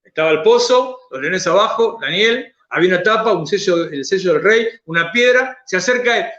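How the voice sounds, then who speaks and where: A man with an Argentine accent preaches in a high, lively voice that leaps up on stressed words and sinks to near-murmurs between them. The sound is roomy and dull, like a lo-fi church recording. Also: a little fast. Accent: Argentine Spanish. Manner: emphatic preaching, swinging between raised, stretched phrases and soft low asides. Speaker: pastor. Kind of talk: sermon.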